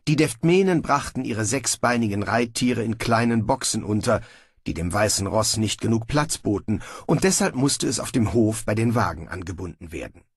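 Guy narrating a story audiobook, really animated swoopy delivery, dry sound. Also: lowish voice, normal speed, breathy edge, no echo.

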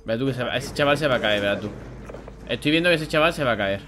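A young man with a Spain Spanish accent doing live gameplay commentary, excitable and grumbling, swearing when frustrated. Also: medium pitch, quick pace, a little hiss or hum. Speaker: gaming YouTuber.

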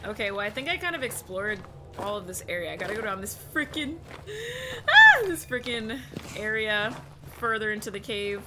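A young woman streams a horror game with live commentary, jumpy and exclamatory and swearing as she plays. Her mid-range voice has a sing-song quality at a moderate pace. Game music and heavy background noise fill the recording.

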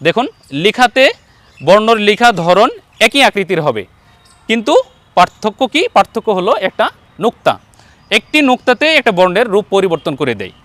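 Guy teaching arabic letters online, says each one slow and over again, clear high voice, no room sound. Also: sing-song, a bit bright, no room sound. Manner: patient, repeats letters slowly for viewers to copy. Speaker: Quran teacher. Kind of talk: online letter-by-letter pronunciation lesson.

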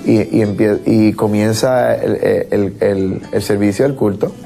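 A man's voice: on the low side, fairly even intonation, measured pace, gravelly, dark tone, soft background music. A man giving an emotional personal testimony, repeating words and acting out what he said back then. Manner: emotional, repeats words, acts out his own past quotes. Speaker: former merengue singer giving testimony.

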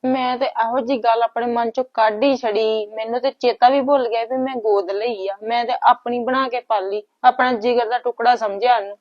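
A woman's voice: a little high, fairly even intonation, moderate pace, hardly any pauses, muffled recording. A woman playing an anxious, emotional mother who scolds and worries in a family drama. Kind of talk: scripted family drama acting.

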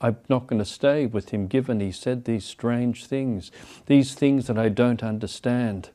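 An older man delivers a homily with a soft, mellow tone. He speaks reflectively in measured phrases, pausing between thoughts, at a lectern microphone in a small chapel. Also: medium pitch. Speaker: bishop giving a homily. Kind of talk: sermon. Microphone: gooseneck lectern microphone.

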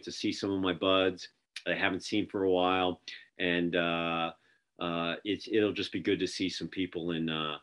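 A middle-aged interview host with a voice on the low side and a slightly bright tone tells stories in a casual video call, full of fillers and restarts. His webcam captures him indoors in an office featuring a printed backdrop.

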